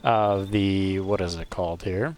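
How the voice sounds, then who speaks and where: Faint music plays behind this let's play host, whose low, darkish voice stays fairly even. Speaking into a wired mic at his home gaming setup, he comments on the game in a slow, hesitant ramble packed with ums and uhs.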